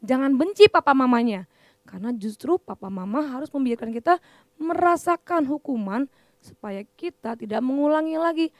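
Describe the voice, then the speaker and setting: Young woman, children's church teacher, high voice, lively, dry close sound. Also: normal speed, no echo. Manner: lively, chatty, talks directly to children. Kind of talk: children's sermon storytelling.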